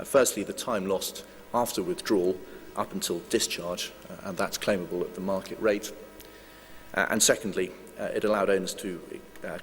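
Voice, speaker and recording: A man giving a formal legal presentation at a conference, measured and hedging, with frequent filler sounds. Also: low-pitched. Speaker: lawyer giving a conference talk. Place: conference hall. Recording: long hall reverb with faint hum.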